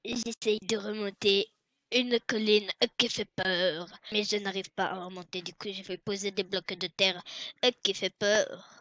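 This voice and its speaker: Woman, parody horror let's-play host, strained put-on voice, slow deadpan delivery breaking into shrieks and whispers, bright tone, dry close mic. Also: mid-range voice, no echo. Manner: deadpan mock-scary narration with sudden shrieks and whispers. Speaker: gameplay commentator.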